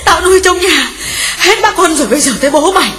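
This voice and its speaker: A woman's voice: mid-range voice, expressive, normal speed, close to an everyday voice. A woman voicing a distraught young mother who is afraid of her own daughter, wailing and sobbing as she laments. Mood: hysterical grief. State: crying. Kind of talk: audiobook drama acting. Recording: long hall reverb.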